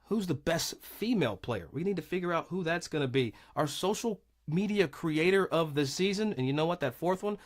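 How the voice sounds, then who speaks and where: A man hosting a live golf tour broadcast, energetic and folksy as he lays out the day's storylines. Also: fairly high pitch, fairly quick, few pauses. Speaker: host.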